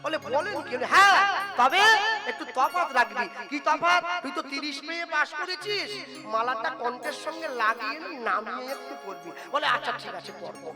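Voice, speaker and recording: Male kirtan preacher, very high voice, folksy storyteller, loud instruments behind. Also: animated, normal speed, over music. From West Bengal. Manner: folksy storytelling, acts out dialogue, rhetorical questions. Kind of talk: kirtan sermon to a live audience. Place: evening religious gathering on stage. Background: musical instruments.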